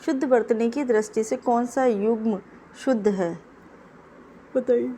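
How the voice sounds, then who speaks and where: A woman teaching an exam prep class, quizzing her students and repeating the answers in a brisk, coaching way. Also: on the high side, warm tone, a little hiss or hum.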